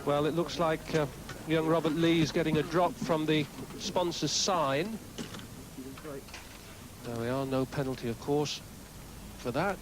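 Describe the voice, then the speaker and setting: Higher-pitched male golf commentator, outdoor noise. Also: measured pace. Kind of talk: live golf commentary in short phrases. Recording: noisy outdoor broadcast.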